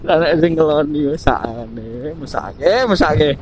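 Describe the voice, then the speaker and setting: A man's voice: fairly high pitch, unhurried, poor audio. A man with a Central Javanese accent chatting casually and joking to himself as he rides a motorbike and vlogs. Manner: joking, chatty, talks to himself, laughs often. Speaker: motovlogger. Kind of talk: casual riding vlog chat. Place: riding a motorbike on country roads. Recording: loud wind and engine noise.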